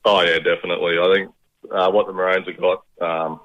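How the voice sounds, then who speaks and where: Middle-aged male call-in guest, deep voice, Queensland accent, muffled line, laid-back and slangy. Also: flat delivery, a little fast, a bit bright. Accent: Queensland Australian. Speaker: radio interview guest, proud father. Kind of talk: casual chat. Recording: dull, band-limited radio call.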